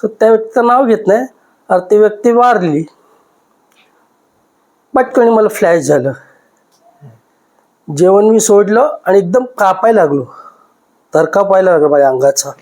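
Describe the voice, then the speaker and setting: A man in his fifties with a fairly high voice tells a podcast host about a ghost encounter from his past. He talks in an emotional, repetitive way and keeps circling back to the same moments. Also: animated, moderate pace, pauses often, a little mellow. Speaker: podcast guest. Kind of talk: recounting a personal ghost experience.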